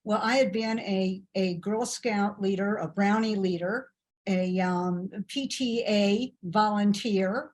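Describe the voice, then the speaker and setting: A woman's voice: mid-range voice, slow pace, a little mellow. Chatty woman from Ohio telling her story. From Ohio, USA. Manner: chatty, with hesitant fillers. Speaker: interview guest. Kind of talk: conversational storytelling.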